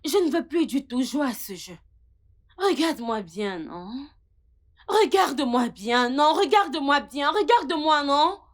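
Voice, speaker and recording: A high-voiced brazen seductress. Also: female voice, sing-song, measured pace. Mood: defiant. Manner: taunting, mocking laughs. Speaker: character in a dubbed film. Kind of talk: dubbed film acting.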